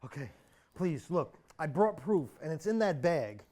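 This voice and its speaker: A man playing a high-pitched, babbling young slacker. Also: big pitch swings, a little slow, darkish tone. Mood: nervous babbling. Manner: pleading, babbling, whiny. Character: cowardly, irresponsible young male slacker pleading for his life. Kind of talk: naturalistic comic-dramatic acting.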